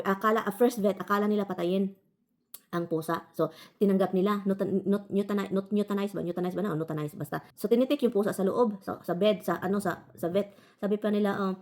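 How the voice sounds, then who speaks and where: A woman from the Philippines chats quickly to her vlog viewers in a mellow, dark-toned voice. She rambles, restarts sentences and keeps calling her audience "guys". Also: mid-range voice, steady tone. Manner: frequent self-corrections and restarts. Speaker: vlogger. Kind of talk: casual storytelling to viewers.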